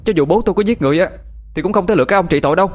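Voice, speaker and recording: A man voicing a spirited young woman of nineteen, speaking high and urgent. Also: fast talker, darkish tone, faint music behind, close to an everyday voice. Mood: furious.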